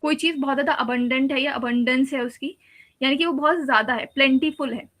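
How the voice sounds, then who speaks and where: A woman's voice: high voice, fairly quick, a bit bright. A woman teacher giving a patient exam-prep lecture, explaining step by step with repeated examples. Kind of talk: exam-prep lecture mixing Hindi and English.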